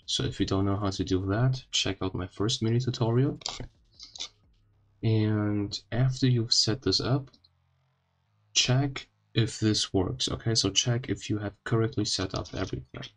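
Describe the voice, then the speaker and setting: A man hosting an informal coding tutorial in halting phrases, his speech a little odd and impeded after having his wisdom teeth out. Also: fairly low pitch, fairly bright tone. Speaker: tutorial host.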